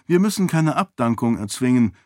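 A man voicing a sharp-witted young royal woman in an audiobook, lifting his voice and talking with quick self-assurance. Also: mid-range voice, very animated, no echo, studio quality, pitched above the performer's own voice, lightly acted. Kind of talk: audiobook character voice.

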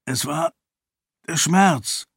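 A man voicing a young exiled prince who is in pain, speaking tensely and with strain, higher than his narration. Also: drawn-out words, a bit bright, husky, no echo, studio quality, exaggerated voice.

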